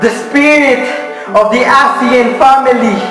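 A young man performing spoken word poetry slowly and dramatically, with emphatic pauses. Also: extremely high pitch. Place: indoor studio before a wall of flags. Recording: echoey hall with loud music.

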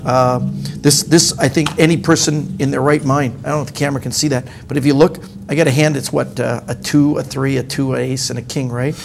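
Gravelly-voiced man chatting in a studio. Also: medium pitch, a little fast, a little hiss or hum. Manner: animated storyteller, acts out quoted lines, chuckles often. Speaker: magician guest. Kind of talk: casual studio discussion. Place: dark TV studio set.

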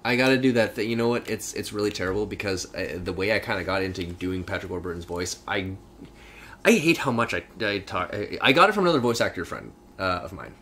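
Low-voiced young gamer, animated, banter-heavy co-host of a game playthrough. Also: male voice, fast, slight background noise. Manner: jokey, riffing banter. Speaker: let's play co-host. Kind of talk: casual gameplay commentary.

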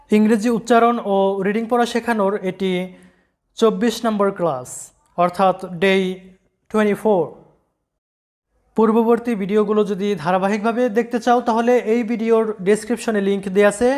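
Patient pronunciation teacher, mid-pitched voice, repeats words slowly for learners. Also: steady tone, a little mellow. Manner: patient, repeats each word slowly and addresses learners directly. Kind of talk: recorded lesson explaining vocabulary.

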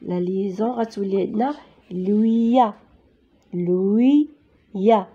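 A woman's voice: mid-range voice, measured pace, slightly rough, muffled recording. A woman teacher with a Moroccan Arabic accent, patiently spelling out sounds letter by letter in a reading lesson for children.

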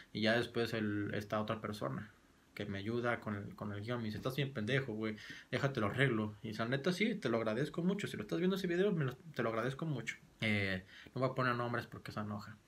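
Gravelly young Mexican man vlogging. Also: mid-range voice, a little fast, a bit bright, a little hiss or hum. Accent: Mexican Spanish. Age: 20s. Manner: rambling, slangy, self-deprecating. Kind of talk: casual vlog monologue.

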